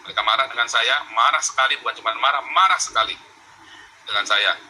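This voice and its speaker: A man's voice: medium pitch, fast talker, sharp tone, slight background noise, low-quality recording. A man from Indonesia talking in a remote interview, emphatic and heated, repeating words and calling the interviewer Pak. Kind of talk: remote interview, animated storytelling. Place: abroad in Europe.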